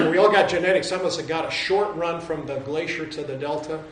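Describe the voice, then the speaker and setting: A man's voice: on the high side, a little fast, a bit bright, a little hiss or hum. A man giving a digressive, musing lecture, often restarting his sentences. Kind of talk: rambling lecture. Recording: very echoey hall, from far off.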